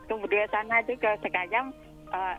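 A woman calling in to a radio show over a delayed phone line, chatty and quick to laugh. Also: medium pitch, soft background music. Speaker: radio call-in listener. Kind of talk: casual phone chat.

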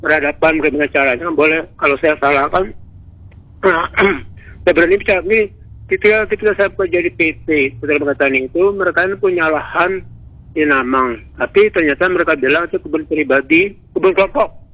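A man's voice: on the high side, brisk, fairly bright tone, no echo. A man from Indonesia calling in to a radio show by phone. He talks in an outspoken, rambling way and often breaks off and restarts. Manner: outspoken, rambling, self-interrupting. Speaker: radio caller. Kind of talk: call-in opinion on a radio show. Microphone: telephone. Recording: phone line into radio broadcast.

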